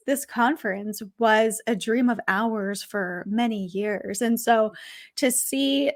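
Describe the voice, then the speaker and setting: Chatty higher-voiced woman podcast co-host. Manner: chatty, lots of fillers, earnest. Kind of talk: casual podcast chat.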